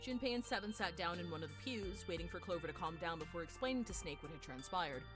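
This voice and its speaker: A woman's voice: on the low side, fast talker, music in the background. A young woman streamer reading a game's story aloud and chattering through her theories. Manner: animated, rambling with fillers when theorizing.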